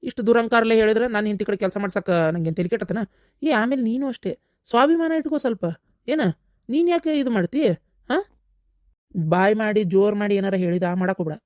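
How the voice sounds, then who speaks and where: Fast-talking North Karnataka woman. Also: medium pitch, no echo, clean studio sound. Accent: North Karnataka Kannada. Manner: quick, lecturing, calming. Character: mother-in-law, calm, scolding her son kindly. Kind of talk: cartoon comedy voice acting.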